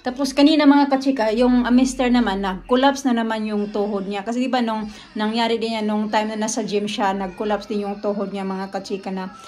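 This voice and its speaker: Speaking a little fast in a steady, darkish mid-range voice, a woman from the Philippines who runs a family vlog shares a story in chatty fashion, frequently addressing those watching.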